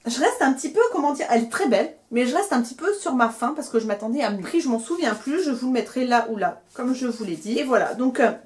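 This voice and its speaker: A woman's voice: fairly high pitch, lively intonation, fast talker, hardly any pauses, a little mellow. A young woman chatting casually through a beauty haul, talking with lots of fillers and restarts as she shows and reviews products. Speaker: beauty vlogger.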